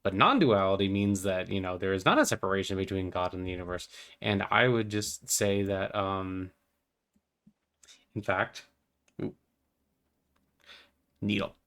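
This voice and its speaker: A man's voice: sits low, expressive, a little slow, long pauses, fairly bright tone. A young man rambling casually about spiritual ideas while playing a game, full of fillers and playful asides. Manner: meandering, filler-heavy, playful, easily distracted. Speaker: gaming vlogger.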